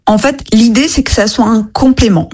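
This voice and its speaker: An app co-founder appears as a radio guest, answering questions in French, which isn't her first language; she's earnest and hesitant, restarting often. Her voice is a little high, slightly rough and darkish in tone, at a normal pace.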